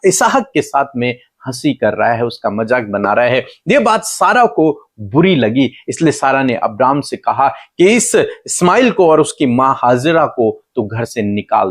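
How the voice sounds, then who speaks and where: A middle-aged male pastor preaching a sermon with impassioned repetition. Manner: impassioned, repeating phrases, pitch leaping up for emphasis.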